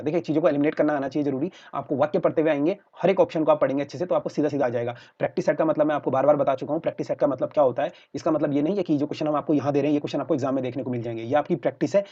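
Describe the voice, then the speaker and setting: A man's voice: a little high, darkish tone, breathy edge, highs cut off. A man teaching an online exam-prep lesson, explaining step by step and checking in with his students again and again. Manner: explains repetitively, checks in with "theek hai" often.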